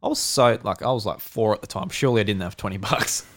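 Joking Australian podcast host. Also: male voice, lowish voice, a bit bright. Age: 20s. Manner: jokey and teasing, fast asides. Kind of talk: casual chat.

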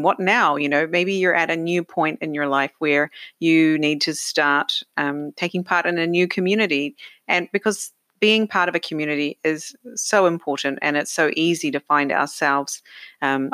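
A woman's voice: deep voice, no room sound. A middle-aged woman hosting a casual podcast interview from home, chatty and full of fillers. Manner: chatty, warm-voiced with many fillers. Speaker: podcast host.

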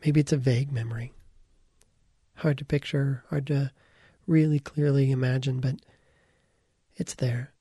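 A man leading a slow guided visualization, calm and soft-spoken, sometimes slipping into a whisper. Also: mid-range voice, breathy edge, dry recording, clean studio sound. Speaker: guided meditation leader.

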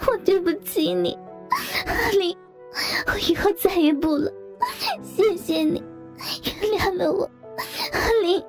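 A woman's voice: very high-pitched, soft background music, pitched above the performer's own voice. A woman voicing a timid young husband who stammers through tears. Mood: tearful. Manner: tearful, halting, stammering.

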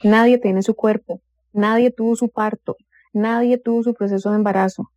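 Calm woman giving advice. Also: mid-range voice, normal speed, no echo. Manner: calm explanatory, acts out quoted family dialogue. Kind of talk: advice talk on a radio or web show. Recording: dull dry studio sound.

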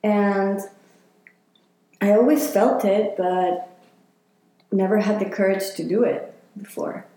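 Woman being interviewed, slow and reflective, lots of like and you know, really echoey room. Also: mid-range voice, mellow. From Chile. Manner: reflective, talks with many fillers. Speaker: interviewee, healer. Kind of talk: casual interview.

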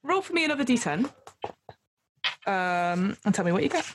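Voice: medium pitch, very animated, normal speed, noisy background. A game master running a tabletop role-playing game, giving casual instructions and narration to players.

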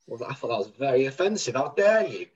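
A man's voice: medium pitch, very animated, quick pace, highs cut off. Cheeky Mancunian man on a distant mic. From Manchester. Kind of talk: casual podcast chat.

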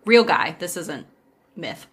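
A woman with a deep, sing-song voice speaks slowly as she hosts a casual podcast. She chats breezily with friends before leading into a folk tale.

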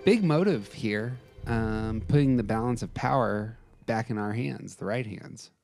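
A man's voice: fairly low pitch, measured pace, creaky, darkish tone, faint music behind. A man co-hosting a casual film discussion, narrating scenes and commenting on them. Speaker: co-host.

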